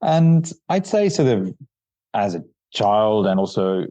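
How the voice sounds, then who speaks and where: A man's voice: lowish voice, very animated, slow pace, warm tone, no room sound. A middle-aged man born in Croatia and raised in Austria, an academic guest answering interview questions hesitantly with many fillers. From born in Croatia, raised near Vienna, Austria. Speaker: academic researcher, podcast guest. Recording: dull, dry lo-fi remote line.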